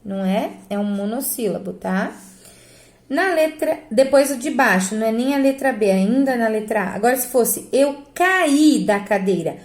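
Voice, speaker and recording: Brazilian woman teacher, higher voice, step-by-step grammar explainer, echoey room. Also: expressive, normal speed. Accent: Brazilian Portuguese. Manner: explains step by step, asks herself rhetorical questions. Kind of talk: grammar lesson correcting exercises.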